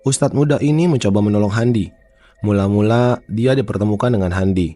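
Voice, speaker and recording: A man narrates a scripted horror story like a horror host, in a measured and formal manner. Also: lowish voice, dark tone. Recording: faint music under the voice. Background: faint background music.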